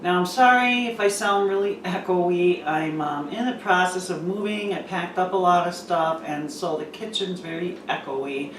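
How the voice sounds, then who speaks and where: A woman's voice: on the low side, normal speed, few pauses, slight background noise. A woman talks through a recipe in a loose, chatty way, with plenty of fillers. Her voice bounces around a bare, empty kitchen with a big echo, picked up by a camera mic some distance away. Dishes and cutlery clink faintly behind her. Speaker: cooking channel host. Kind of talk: casual recipe demonstration. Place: half-packed, empty-sounding home kitchen. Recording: echoey room, voice far from the mic.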